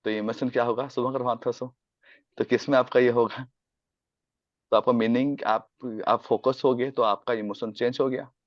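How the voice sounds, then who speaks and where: A man's voice: mid-range voice, steady tone, normal speed, dry recording, highs cut off. Man coaching a sales class on a video call. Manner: mixes Hindi and English, quizzes students. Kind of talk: online class teaching.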